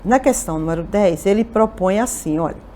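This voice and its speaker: A woman's voice: mid-range voice, brisk, warm tone, slight background noise. A woman teaching a Portuguese exam-review lesson, asking questions and answering them herself and often checking in with her students.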